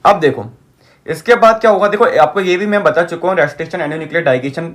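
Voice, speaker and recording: High-voiced man lecturing in English. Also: moderate pace, a bit bright. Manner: repeats key terms, asks the class rhetorical checks. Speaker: teacher. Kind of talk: whiteboard lecture.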